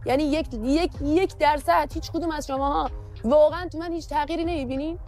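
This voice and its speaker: A woman's voice: sits high, fairly even intonation, darkish tone. A woman on a reality show pleading with the group, stammering as she talks. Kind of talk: emotional group discussion.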